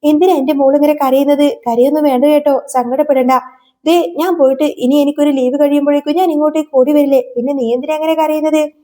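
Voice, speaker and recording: A woman voicing a gentle affectionate young woman. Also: sits high, fairly even intonation, fast, natural voice. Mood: tender. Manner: soft, tender.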